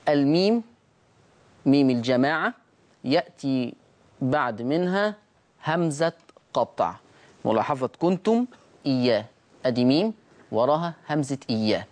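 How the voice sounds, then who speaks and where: A man's voice: mid-range voice, expressive. Egyptian man teaching Quran recitation. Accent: Egyptian Arabic. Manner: asks students' questions himself, then answers them; stretches out words slowly to show how they are said. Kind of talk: recorded tajweed lesson with on-screen slides.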